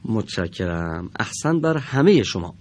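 A man teaching a televised classroom lesson in a studio, patient and encouraging with the pupils, drawing out each example word slowly and deliberately. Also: lowish voice, sing-song, a little mellow, slight background noise.

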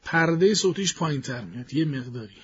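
A man being interviewed as a voice expert in a studio, explaining his views in a measured way and thinking aloud as he goes. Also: on the high side, animated, a bit bright, breathy edge, highs cut off. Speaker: guest voice expert.

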